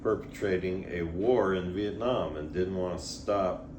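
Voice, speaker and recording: This older man's voice sits low and takes its time as he tells a story as a guest, casually and ramblingly, hesitating and often trailing off. Background noise is audible, and the room he's in is echoey.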